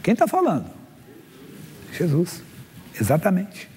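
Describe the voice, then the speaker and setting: A sixties-aged pastor delivers a sermon from the stage, reading scripture and questioning his congregation. He speaks slowly in a high, darkish voice whose pitch swoops wildly, while long hall reverb and a little hiss or hum fill the recording.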